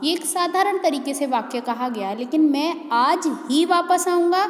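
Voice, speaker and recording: A woman teacher giving a grammar lesson, explaining step by step and checking in with the class. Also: high-pitched. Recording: echoey room with long reverb.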